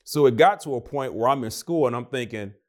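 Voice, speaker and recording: A man's voice: mid-range voice, fairly quick. A young adult man telling his story in a casual interview, acting out the voices of the people in it. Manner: animated, acts out quoted voices. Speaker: guest.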